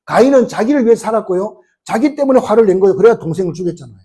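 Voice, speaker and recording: A male pastor delivers a sermon at a very fast pace, his high-set voice swinging widely with lively intonation over a mellow, dark tone. He fires off rhetorical questions and retells scenes as stories in homely, colloquial language.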